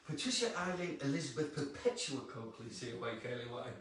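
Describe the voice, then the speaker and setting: Sardonic man doing stand-up, lively pitch. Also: fast talker. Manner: sardonic, self-mocking, laughs between lines. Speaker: stand-up comedian. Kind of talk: live stand-up set. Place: comedy club stage. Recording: echoey club, distant mic, crowd noise. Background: audience laughter.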